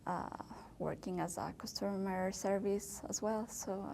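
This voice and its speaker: Young woman from ecuador, spanish is her first language, slow careful english, creaky voice, faint rumble behind. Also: fairly even intonation, warm tone. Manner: hesitant, searching for words, many fillers. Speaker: interviewee, English learner. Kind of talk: oral history interview.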